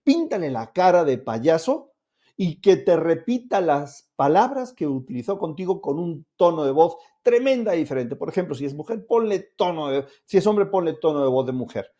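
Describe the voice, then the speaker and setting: A man's voice: a little high, sing-song, moderate pace, warm tone. A man giving a self-help lesson to camera, explaining steps directly to the viewer in an upbeat, coaxing way. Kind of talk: instructional talk to camera.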